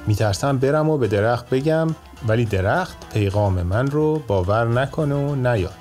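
A man's voice: mid-range voice, expressive, a little mellow, soft background music, lightly acted. Give me an anxious, honest plaintiff pleading his case, as a man reads him. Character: wronged anxious male plaintiff.

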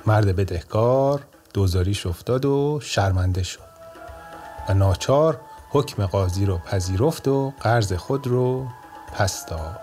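A man narrating a folk tale as a bedtime story in a calm, steady way. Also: fairly low pitch.

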